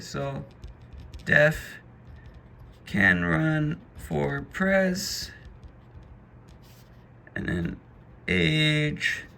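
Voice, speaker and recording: A man explains code in a loose, conversational tutoring style, walking through each step and dropping the odd "boom." His voice has a gravelly texture with a bright, forward tone, and a faint hiss of room noise sits under it. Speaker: programming instructor. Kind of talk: casual screen-recorded coding lesson.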